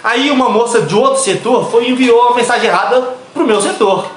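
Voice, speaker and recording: A man, hosting a podcast and telling a story from his own life in slangy, animated casual chat. He laughs often and acts out the voices of the people in his story. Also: extremely high pitch, brisk, echoey room, a little hiss or hum. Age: 20s.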